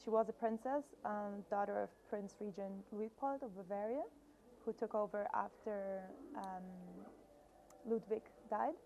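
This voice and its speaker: Flat, gravelly woman from Brazil. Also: mid-range voice, lo-fi sound, slight background noise. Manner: thoughtful, with frequent pauses and fillers. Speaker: filmmaker guest. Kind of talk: festival interview. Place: film festival in Brussels.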